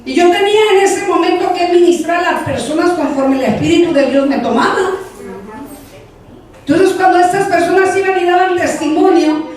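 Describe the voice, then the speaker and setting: Woman pastor, high voice, lively storytelling sermon. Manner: animated storytelling, addresses congregation as brothers. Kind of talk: testimony sermon. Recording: echoey hall, voice from far off.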